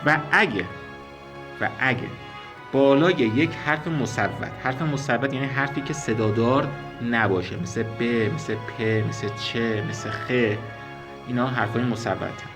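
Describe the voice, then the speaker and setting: Man teaching slowly over faint music. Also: medium pitch. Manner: slow, careful explanations, repeating and spelling out sounds. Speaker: Persian language teacher. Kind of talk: spoken language lesson.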